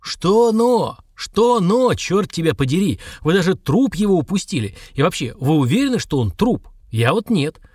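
A man reading an audiobook and voicing an angry, cold boss who berates his staff with slow, shouted words. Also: fairly high pitch, expressive, dry recording, clean studio sound. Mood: furious. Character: furious middle-aged male boss, cold and domineering.

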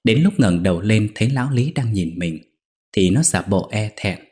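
Low-voiced male storyteller. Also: lively intonation, normal speed, darkish tone. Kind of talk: scripted ghost-story narration.

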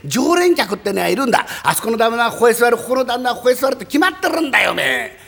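Man doing a gruff scolding Tokyo townsman. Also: very high-pitched, very animated, fast, sharp tone, heavily acted. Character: short-tempered Edo man scolding his dim friend. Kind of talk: rakugo performance.

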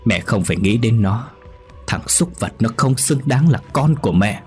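A man's voice: medium pitch, expressive, normal speed, faint music behind, pitched above the performer's own voice, natural voice. A man voicing the vengeful ghost of a woman in a spoken ghost story, taunting and gleeful. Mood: contemptuous.

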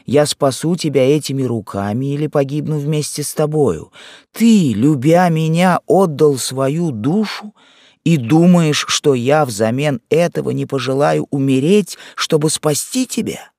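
A man's voice: mid-range voice, expressive, unhurried, vocal fry, a little mellow, no room sound, studio quality. A man voicing a fierce devoted young wife. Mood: resolute. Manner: raised, emotional, pleading delivery. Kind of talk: audiobook character reading.

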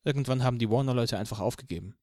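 A man narrating an audiobook in the first person, calm and steady in the narration. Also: mid-range voice, rapid-fire, no room sound, studio quality.

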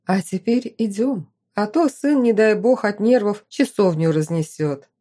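A woman voicing a fond aristocratic father, a duke, with a gently teasing, dry manner in a storybook reading. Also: medium pitch, a little slow, natural voice.

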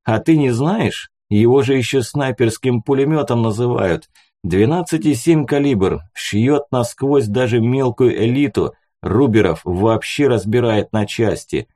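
A man's voice: lowish voice, expressive, normal speed, warm tone. A man voicing an eager young squad gunner who brags about his weapon, in an audiobook. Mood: boastful. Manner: eager, boastful.

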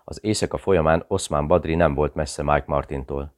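Very deep-voiced male audiobook narrator. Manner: steady, measured reading.

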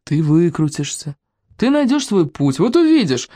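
A woman voicing a weary young man who stays calm and firm. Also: low voice, normal speed, no echo, clean studio sound. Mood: calm, soothing.

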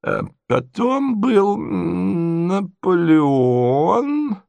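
A man's voice: on the high side, creaky, no room sound, pitched above the performer's own voice, exaggerated voice. A man voicing a senile, fussy elderly prince who stammers and quavers.

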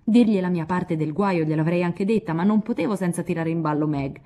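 A woman's voice: on the low side, brisk, dark tone, natural voice. A woman reading aloud, voicing a hot-tempered, proud young man who blusters indignantly.

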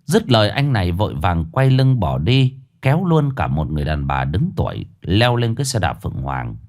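Guy telling a ghost story, low voice, very lively, faint music. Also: moderate pace. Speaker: narrator.

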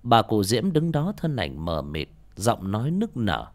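A man narrating a horror audiobook in a dramatic, expressive way. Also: on the low side, a little slow.

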